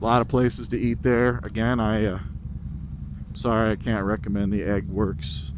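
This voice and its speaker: A native English-speaking man vlogs casually from inside his helmet while riding a motorcycle through city traffic outdoors. His voice is on the low side, flat and moderately paced, with road, wind, vehicle and traffic noise from the ride behind it.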